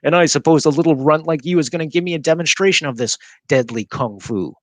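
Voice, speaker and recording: A man voicing a huge schoolboy bully, speaking slowly, loudly and threateningly in a storybook reading. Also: on the high side, no echo, voice pushed up, lightly acted. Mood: menacing.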